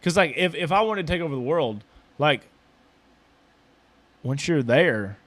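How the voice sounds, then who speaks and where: A man's voice: fairly high pitch, expressive, a little slow, fairly bright tone, no echo. A man hosting a casual podcast chat who talks hesitantly, stumbling and repeating his words as he questions his co-host, recorded in a small building.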